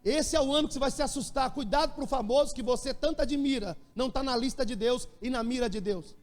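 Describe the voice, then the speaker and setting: A Brazilian man preaching in a church, with a strikingly high voice for a man. His sermon is animated and full of humorous stories. The sound carries a long hall reverb. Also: fast talker. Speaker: pastor.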